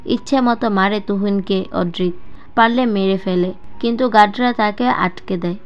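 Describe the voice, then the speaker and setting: Here a storyteller reads a scripted dramatic tale aloud, her voice medium in pitch and her pace normal. It's a dull lo-fi voice-over set against background music.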